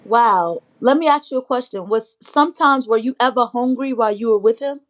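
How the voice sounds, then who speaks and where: Woman host with a raised pitch, steady probing questions to a guest. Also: brisk. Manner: probing questions, affirming, talks to viewers. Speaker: host interviewer. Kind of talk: casual livestream interview.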